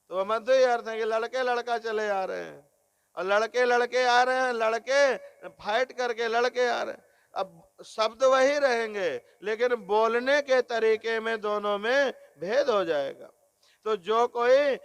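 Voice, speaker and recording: A man giving a devotional sermon on scripture, explaining slowly, repeating phrases and often addressing listeners as Narayan. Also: high voice, fairly bright tone, smooth, no echo. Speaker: religious discourse speaker.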